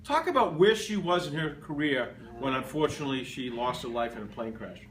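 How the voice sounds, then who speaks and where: A man's voice: a little high, expressive, fairly quick, fairly bright tone. A man presenting a talk segment as the show's host. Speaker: show host. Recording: distant mic, background noise.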